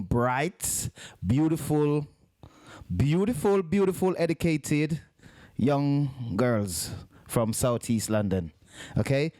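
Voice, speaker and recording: A middle-aged man hosts a casual podcast interview in an ordinary speaking pitch, joking and fatherly, often repeating and restarting his words. His voice sounds dry and close, with no room echo. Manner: warm, joking, repetitive, halting. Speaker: podcast host.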